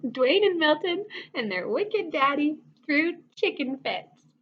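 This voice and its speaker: A high-voiced woman reads slowly and expressively from a children's book, sprinkling in animated, playful asides for her young listeners. The recording has a dull quality and a faint layer of background noise.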